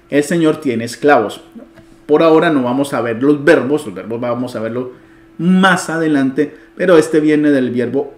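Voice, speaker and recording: A man's voice: medium pitch, darkish tone, roomy sound. Patient man teaching Biblical Greek. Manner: patient, asks students questions and answers them; chuckles now and then. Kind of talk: online language lesson.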